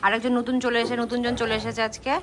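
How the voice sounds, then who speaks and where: A woman's voice: a little high, little pitch movement, quick pace, a crowd in the background. A woman narrating a casual family vlog to her viewers from a phone camera. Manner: chatty, narrates to viewers, sometimes drops to a hushed voice. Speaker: vlogger.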